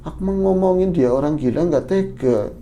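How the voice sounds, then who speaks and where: A man's voice: fairly high pitch, moderate pace, warm tone, a little hiss or hum. A man hosting a horror podcast, telling a story and acting out the characters' lines in raised voices. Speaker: podcast host.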